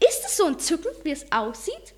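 A woman's voice: sits high, wildly swooping pitch, brisk, pitched above the performer's own voice. A woman voicing an elderly queen who speaks in a stately way with the royal we. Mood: regal. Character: elderly queen, regal and dry.

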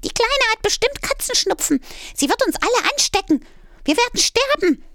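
A woman voicing an arrogant, fussy female house cat in a storybook reading, in a shrill, disdainful manner. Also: sing-song, normal speed, a bit bright, dry recording, clean studio sound, exaggerated voice. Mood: disgusted.

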